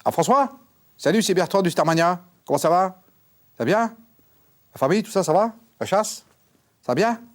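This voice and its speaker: An actor playing a brash, crude fairground owner who claims to speak with the dead, talking in loud slang that jumps into high squeals. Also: male voice, lively intonation, moderate pace, pauses often. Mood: rowdy. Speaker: talk show guest claiming to speak with the dead. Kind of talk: sketch comedy acting.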